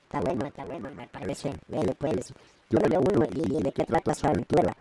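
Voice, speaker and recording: A half-robotic, filtered voice of a cow-faced male mutant, played by a man, stammering and wailing. The tone is dark and muffled but swoops widely up and down. Faint hiss sits under it. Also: medium pitch, lively intonation, brisk. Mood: bewildered. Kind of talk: amateur comedy skit.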